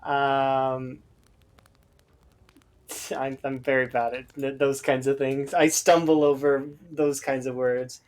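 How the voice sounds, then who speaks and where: A man's voice: medium pitch, flat delivery, slow, pauses often, a little mellow. A Canadian man chatting casually while streaming a game, rambling with lots of hesitant fillers. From Alberta, Canada.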